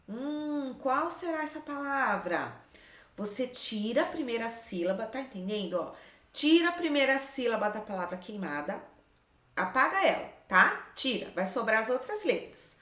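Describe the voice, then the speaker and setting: Brief: female literacy teacher, high bright voice, patient sing-song explaining, echoey room. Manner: slow, sing-song explaining with frequent "tá?" checks. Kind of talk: literacy lesson for young children.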